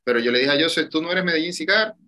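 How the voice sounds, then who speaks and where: A man in his thirties who owns a cigar shop chats casually on a video call from a small room, picked up by a webcam. His voice is a little high, bright and forceful, with lively intonation and a rapid-fire pace, yet he draws out his phrases and uses many fillers.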